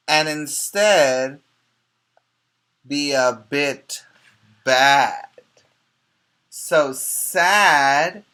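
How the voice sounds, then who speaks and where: This man's voice is a little high with a sharp tone. He's a preschool teacher reading a storybook expressively to young children, explaining it as he goes, asking questions and emphasizing key words.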